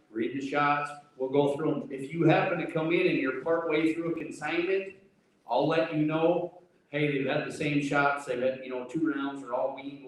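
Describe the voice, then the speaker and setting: An American man giving informal spoken instructions in a plainspoken, folksy way. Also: mid-range voice. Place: livestock sale arena. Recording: very echoey hall, distant voice.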